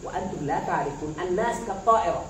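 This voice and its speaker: High-voiced man exhorting a class. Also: rapid-fire, a bit bright. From Bangladesh. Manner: exhorting, call-and-response questioning of the audience. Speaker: student speaker addressing classmates. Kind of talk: motivational speech to a class. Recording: echoey room, voice far from the mic, background noise.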